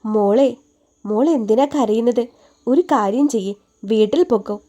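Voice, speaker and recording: A woman's voice: on the high side, normal speed, warm tone, lo-fi sound, close to an everyday voice. A woman voicing a caring older woman doctor who fusses over a younger woman like a mother, in an affectionate, coaxing way. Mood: fond, coaxing.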